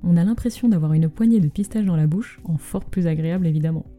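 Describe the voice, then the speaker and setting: A woman's voice: fairly low pitch, quick pace, dark tone, soft background music. A woman narrating a scripted story as a podcast host, speaking close and intimately into the microphone.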